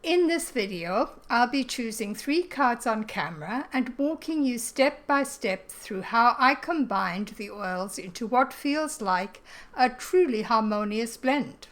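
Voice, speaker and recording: A woman narrates a scripted introduction in a sincere, evenly read manner. Her voice sits a little high. She sounds clear and steady throughout. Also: unhurried. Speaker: channel host.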